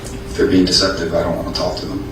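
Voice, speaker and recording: Man, American accent, very deep monotone, measured hesitant witness testimony, distant echoey courtroom recording. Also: noisy background. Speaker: gang investigator testifying as expert witness. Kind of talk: courtroom testimony under questioning.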